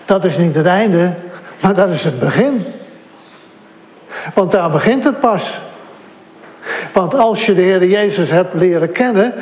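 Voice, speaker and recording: Preacher with a high voice in an echoing hall. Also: male voice, a little mellow. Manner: earnest, repetitive emphasis, addresses listeners directly. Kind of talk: sermon. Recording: echoey hall.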